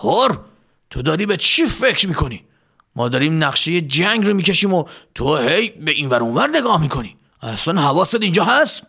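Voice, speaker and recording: A man's voice: on the high side, big pitch swings, sharp tone, breathy edge, heavily acted. A man voicing a harsh, impatient male army general with a commanding, curt way of speaking, in a told story. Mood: scolding.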